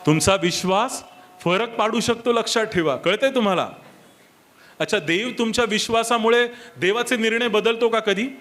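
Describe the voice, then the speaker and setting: Male pastor, sermon, high and bright voice, emphatic with rhetorical questions, slips into English for key lines. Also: normal speed. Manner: emphatic, with rhetorical questions and repeated reminders to the listeners; switches briefly into English for key points. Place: church service.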